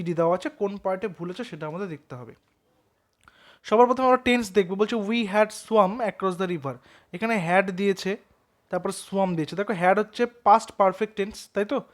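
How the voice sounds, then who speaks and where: A man teaching a grammar lesson with a Bengali accent, explaining step by step and often asking whether students follow. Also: sits high. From West Bengal. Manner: explains step by step, asks checking questions.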